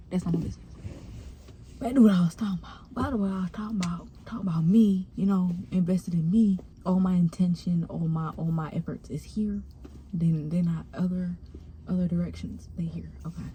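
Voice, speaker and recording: A young adult woman talking candidly in a casual personal vlog from her parked car, speaking loosely and slipping into hushed, half-whispered asides. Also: lowish voice, a little hiss or hum. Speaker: vlogger.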